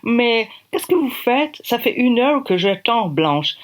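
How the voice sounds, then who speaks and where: A woman's voice: fairly high pitch, very animated, voice pushed up. A woman voicing an impatient middle-aged male film director with an attempted English accent. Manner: impatient, hurried.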